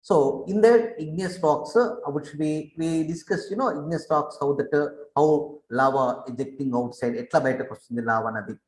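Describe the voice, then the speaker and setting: A man teaches school science over an online call, repeating each term slowly so pupils can say it after him. His voice sits slightly high and moves very slowly. The room around him rings with echo. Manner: repetitive, mixes English and Telugu, drills pronunciation. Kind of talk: online class lecture. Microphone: online class call.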